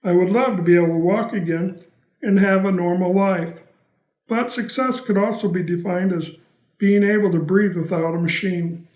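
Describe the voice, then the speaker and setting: A man delivers a prepared personal testimony as a patient. His voice is notably high for a man. The sound is clearly roomy and echoing. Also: normal speed, darkish tone.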